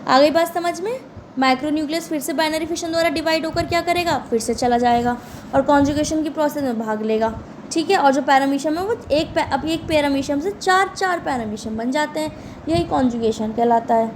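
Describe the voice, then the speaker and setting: A woman's voice: high voice, brisk, a little hiss or hum. A woman teaching a class who keeps asking her students questions and answering them herself. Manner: repeats questions back to students. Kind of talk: lecture.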